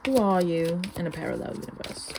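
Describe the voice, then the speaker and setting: A young woman gives a rambling, mystical tarot reading, chatty and informal, with heavy use of "like." Her voice is lowish and brisk. Background noise is clearly audible in the recording.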